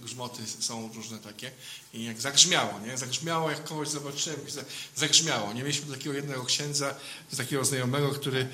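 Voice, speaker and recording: A man's voice: mid-range voice, fairly quick, bright, forceful tone. A man, a priest, giving an informal sermon in a conversational way, often adding a questioning tag to his sentences.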